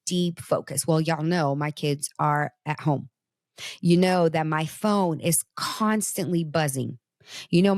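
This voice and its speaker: Her voice is lowish, and the studio recording is clean with no echo. A Brazilian woman whose native tongue is Portuguese, she hosts an animated, conversational motivational talk, speaking straight to her audience.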